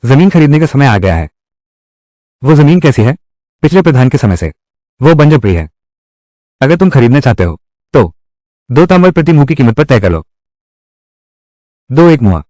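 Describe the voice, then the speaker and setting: A man's voice: mid-range voice, big pitch swings, normal speed, long pauses, darkish tone, dry recording, studio quality. A man reading all the character lines of a dubbed drama in one voice. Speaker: voice-over reader of a dubbed drama.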